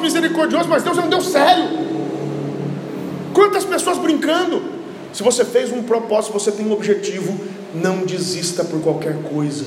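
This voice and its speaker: A male pastor with a Brazilian Portuguese accent preaching in a church, swinging between shouted passages and low quiet asides. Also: slight background noise. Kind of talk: sermon. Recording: echoey hall with long reverb.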